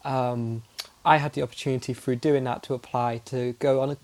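A man's voice: medium pitch, fairly even intonation, brisk, darkish tone. Upbeat young man laughing often. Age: young adult. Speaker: student podcast guest. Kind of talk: casual chat.

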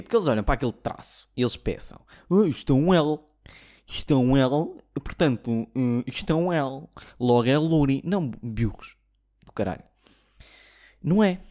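A man's voice: medium pitch, a little mellow. A young man from Portugal with a European Portuguese accent, ranting in a casual comic monologue, sarcastic and swearing freely. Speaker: comedy podcaster.

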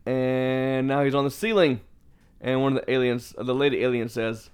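A man narrating a comic in a casual, comedic read-along, with halting fillers between panels. His voice is smooth and clear at a middle pitch. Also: steady tone. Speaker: podcast host reading a comic.

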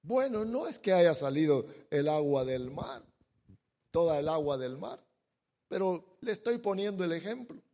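A man preaching a sermon, reading Bible verses and speaking to his listeners as brothers, swelling loud on key words and then dropping soft and intimate. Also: fairly high pitch, big pitch swings, measured pace.

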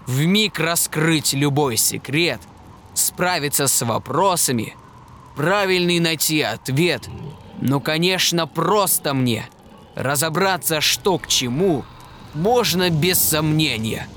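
A man voicing a hungry, menacing male dragon with a slow, growling delivery in a storybook reading. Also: fairly high pitch, expressive, a bit bright, slight background noise.

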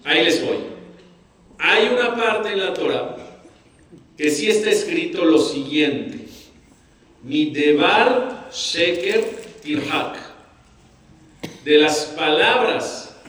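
A male rabbi teaching a Torah class and quizzing his audience with lively questions. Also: sits high. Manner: asks the audience questions, animated. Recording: echoey room, mic far off.

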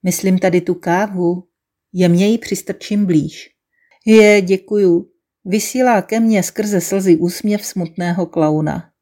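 A woman's voice: fairly low pitch, fairly even intonation, mellow. Woman reading a wry first-person story. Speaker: narrator.

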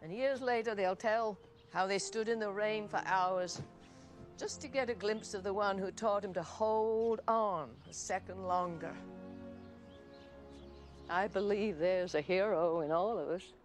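An older actress giving a gentle, earnest, heartfelt monologue in an unhurried way. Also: female voice, medium pitch, soft background music, lightly acted.

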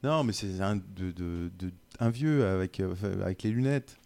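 Brief: male contestant, very lively intonation, quick to laugh, thinks out loud. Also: sits low, vocal fry, smooth. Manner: lively, laughs often, searches for names aloud. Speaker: quiz contestant. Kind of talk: casual chat.

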